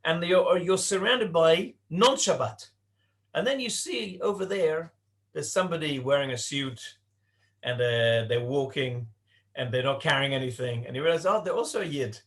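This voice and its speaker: A man raised in Britain teaching a Torah class to young adults in a conversational way, asking rhetorical questions and slowing down to stress points. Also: fairly high pitch, fairly bright tone. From Britain (born in Leicester, raised in Cardiff).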